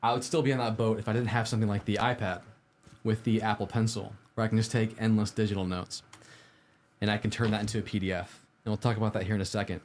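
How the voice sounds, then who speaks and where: With a lowish, flat voice and fast delivery, this man hosts a casual livestream for an IT study show. He talks informally and directly to his audience, asking them questions and offering cheerful, well-organized advice, with a slight hiss or hum in the recording.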